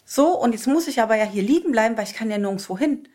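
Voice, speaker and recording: This is a woman chatting casually on a podcast, voice a bit high and words tumbling out fast. She tells her story with energy and acts out her own thoughts as she goes. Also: expressive, a little mellow. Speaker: podcast guest telling her love story. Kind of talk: casual chat.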